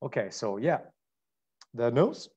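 A man's voice: mid-range voice, very animated, takes it slowly, darkish tone, slightly rough. A man with an Italian accent hosting a live online wine tasting, describing wines with enthusiasm and frequent restarts. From Italy.

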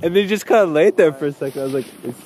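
A man's voice: on the high side, racing, a little hiss or hum. A young man chatting and laughing on a ski slope and chairlift, filmed with a handheld action camera. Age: young adult. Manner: laughs often, excited and chatty. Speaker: vlogger. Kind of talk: casual vlog chat. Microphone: action camera held at arm's length.

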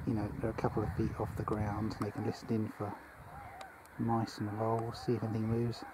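A man from England giving live commentary while he films a bird on open fenland, talking quietly to viewers through his camera mic. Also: fairly low pitch, completely flat delivery, brisk. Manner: quiet, musing asides to viewers. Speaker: wildlife filmer. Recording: outdoor camera audio with wind and bird noise.

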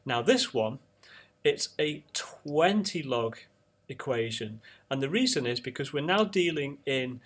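In a relaxed screen-recorded tutorial, a man teaching audio engineering walks through each calculator step. His voice is medium-pitched, unhurried and husky.

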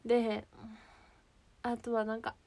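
Young Kansai woman, high bright voice, livestream host, chatty and rambling. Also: completely flat delivery, slow pace. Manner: chatty, rambling, searching for words. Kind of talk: casual livestream chat.

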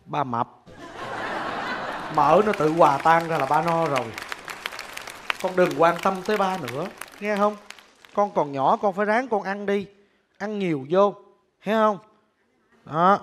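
A man's voice: high voice, unhurried, long pauses, a crowd in the background, noisy background. An actor playing a poor street-singer father, speaking with a coaxing, tender manner. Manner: coaxing, tender, then loud and frantic. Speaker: actor in a staged skit. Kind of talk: sentimental stage drama. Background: music.

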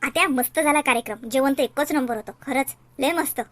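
A woman's voice: high-pitched, fairly quick. A woman in a village comedy sketch, trading fussy, chatty banter.

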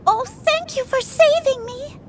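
A woman voicing a sweet, earnest mouse princess with a squeaky, genteel way of speaking in a game cutscene. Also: unhurried, slight background noise. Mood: worried, grateful. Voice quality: squeaky, high. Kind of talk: scripted video game cutscene acting.

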